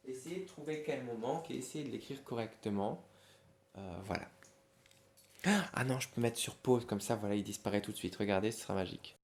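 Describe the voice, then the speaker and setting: A man's voice: medium pitch, a little fast, a little mellow. Man teaching a dictation in an echoey room. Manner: patient, spells words letter by letter, hums to hide answers. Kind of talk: classroom dictation lesson. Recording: echoey room, faint noise.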